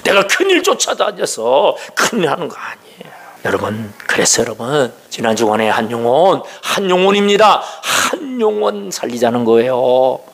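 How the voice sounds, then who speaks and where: A man preaching a sermon as pastor, firing questions at the congregation and dropping into hushed whispers for emphasis. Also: mid-range voice, very animated, moderate pace, creaky, husky.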